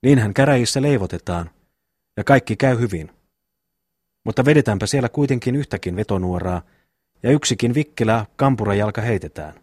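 A simple-minded peasant brother rambles on in folksy musings, as a man reads him aloud. The voice is low and a little husky. The recording is dry and close. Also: expressive, a little mellow, no room sound. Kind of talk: audiobook reading of a classic novel.

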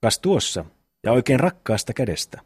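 A man's voice: medium pitch, sing-song, slightly rough, dry recording, studio quality. A man reading the lines of a cheeky youngest brother who mocks his elders. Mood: teasing. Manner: teasing, mocking.

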